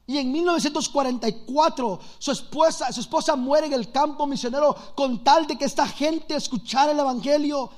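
High-pitched male preacher, fast and animated, joking storytelling sermon, from Los Angeles. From Los Angeles, USA.

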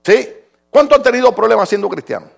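A middle-aged man pastor delivering an impassioned sermon that swings from shouts to quiet. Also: sits high, animated, fast, vocal fry, soft background music.

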